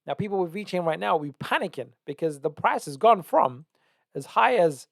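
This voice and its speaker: A man's voice: sits high, expressive, fairly quick, creaky, no echo, studio quality. A man teaching trading, walking through a chart analysis with emphatic repetition and frequent "right?" checks. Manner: emphatic, repeats key words, asks "right?". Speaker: trading educator. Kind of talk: screen-share market analysis.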